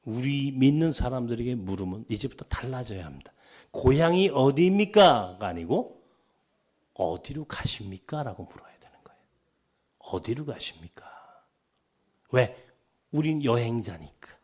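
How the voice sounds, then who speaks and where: A middle-aged Korean man preaching a sermon as pastor, with a light Chungcheong dialect, telling stories and acting out conversations, sometimes dropping to a whisper. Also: medium pitch. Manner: animated storytelling, acting out dialogues, dropping to whispers.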